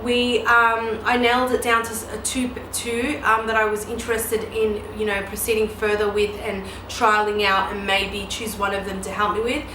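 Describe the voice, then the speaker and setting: A woman in her thirties, who photographs newborns and teaches, keeps up a casual Q&A vlog for her viewers, talking with many ums and you-knows. Her voice is mid-range, her pace moderate, and she hardly pauses. Background noise stays steady in an echoey room.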